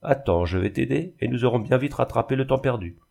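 A man voicing a tender-hearted young woman in a reading of a classic novel, speaking gently and with feeling. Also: medium pitch, expressive, a little fast, vocal fry, pitched above the performer's own voice. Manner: pleading, emotional.

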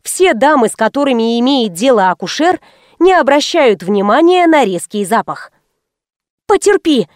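A woman narrating an audiobook in the first person with wry, lively storytelling. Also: a little high, moderate pace, no room sound, studio quality.

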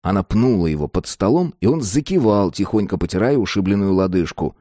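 A man narrating a story in a measured, expressive reading. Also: low voice, no room sound, clean studio sound. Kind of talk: scripted narration.

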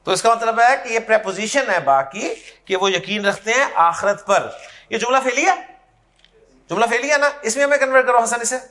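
A man's voice: extremely high pitch, animated, sharp tone. A man teaching Arabic grammar in a classroom lecture, explaining step by step and checking that his students follow.

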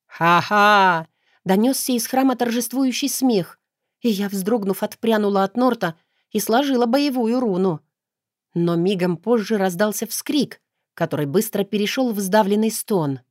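A woman narrates a first-person audiobook in a smooth, even storyteller's voice. Her pitch sits in a middle range. The recording is dry and close. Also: normal speed, no echo.

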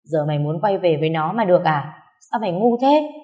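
A woman voicing a blunt, foul-mouthed young woman who loudly scolds her friend. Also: on the low side, expressive, brisk, close to an everyday voice. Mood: scolding. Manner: scolding, harsh and loud.

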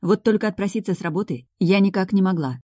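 A woman narrating a first-person novel in an even storytelling manner. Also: mid-range voice, quick pace, no echo, studio quality. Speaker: audiobook narrator.

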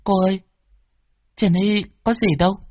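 A woman's voice: mid-range voice, steady tone, moderate pace, dry recording, natural voice. A woman voicing a timid young female servant girl in an audio story, stammering and deferential. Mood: anxious. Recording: dull lo-fi dry recording.

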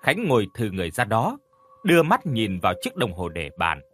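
A man narrating an audio horror story in a measured, expressive storytelling manner. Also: on the low side, a little hiss or hum.

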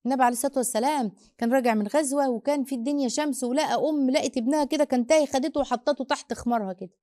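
Very fast-talking Egyptian woman counselor. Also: sits high, no echo, studio quality. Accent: Egyptian Arabic. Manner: motherly, addresses the listener as daughter; rapid, animated storytelling with restarts. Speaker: host and family counselor. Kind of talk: answering listener questions on parenting.

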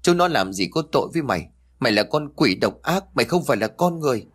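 A man's voice: big pitch swings, quick pace, breathy edge. A man voicing a frantic, grieving older grandmother who wails and scolds in a raised voice. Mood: screaming. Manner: wailing, shrill scolding.

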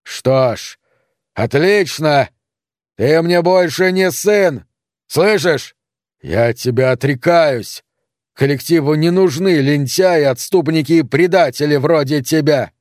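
Роль: разъярённый старый отец-фермер, лающий и презрительный, озвучивает мужчина; голос мягкий, запись сухая. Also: male voice, fairly high pitch, slow pace, a little mellow, no room sound, clean studio sound. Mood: furious. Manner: barking, scornful. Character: furious old male farmer father, gruff.

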